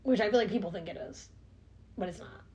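With a mellow mid-range voice and a quick pace, a nineteen-year-old woman talks casually, dropping "like" into nearly every sentence. She comes across as earnest and introspective, and the audio has its high frequencies cut off.

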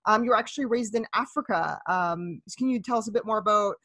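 A woman's voice: mid-range voice, fast, pushed and bright. A cheerful woman hosts a casual podcast chat. She talks in an upbeat, friendly way and scatters "um" through her sentences. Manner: upbeat, with many "um" fillers. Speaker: podcast host.

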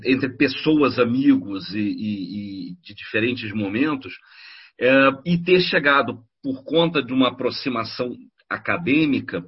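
A middle-aged Brazilian man in a casual podcast conversation, telling stories in an animated, rambling way with many restarts. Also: medium pitch, husky, muffled recording. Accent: Brazilian Portuguese. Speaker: comics critic and writer.

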